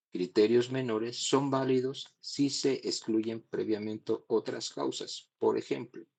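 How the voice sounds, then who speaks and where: Male lecturer, very low husky voice, a classroom talk that drifts off the mic at times. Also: a little mellow, poor audio. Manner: explains step by step, checks in with ¿no? and ¿sí?. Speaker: cardiology lecturer.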